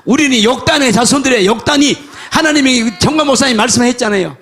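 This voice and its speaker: An older man preaching a sermon, his voice sitting unusually high for a man. He tells homely stories from the pulpit, sinking to quiet asides and then breaking into loud shouts. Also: fast. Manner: folksy storytelling preacher, swings from soft mutters to shouts. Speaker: pastor.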